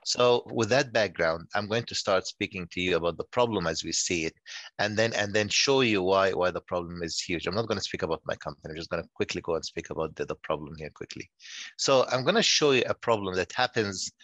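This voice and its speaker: An older man presents over a video call, his voice very low and close. The room sounds dry, with no echo. He stumbles and repeats small words as he builds each point. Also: fairly bright tone. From Nigeria. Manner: halting, many repeated words. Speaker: guest speaker. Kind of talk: online conference talk.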